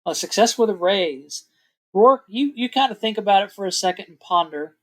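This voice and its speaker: A woman running a tabletop role-playing game as its game master, her pitch right in the middle for a woman. She narrates casually and chattily, laughs often, and restarts a sentence now and then. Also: expressive, normal speed.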